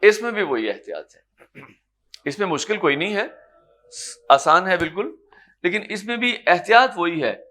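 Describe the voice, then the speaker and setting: A man with a Pakistani Urdu accent and a somewhat high voice teaches a tajweed lesson in a lecture room. He explains patiently and stretches out each Arabic letter slowly and loudly. His manner stays calm and encouraging. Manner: sounds out Arabic letters slowly, drawn-out and loud. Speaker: Quran recitation teacher.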